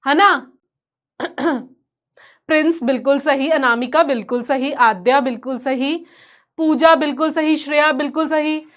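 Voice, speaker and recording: A woman with an Indian accent and a high, slightly bright voice teaches an informal live online class. She's playful and teasing with her students, switching back and forth between Hindi and English.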